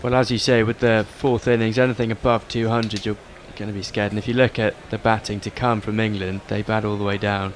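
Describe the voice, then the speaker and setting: Even, low-voiced male cricket summariser. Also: fairly quick, hardly any pauses. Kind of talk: conversational tactical cricket analysis. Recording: clear outdoor background noise. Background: outdoor ambience of a cricket ground.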